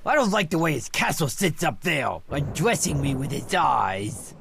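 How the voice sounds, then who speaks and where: An actor playing a goofy, excitable, dim-witted cartoon athlete with silly mock-military bluster in a video game. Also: male voice, a little high, normal speed, vocal fry, a little hiss or hum, full character voice. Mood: alarmed, rallying. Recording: music behind the voice.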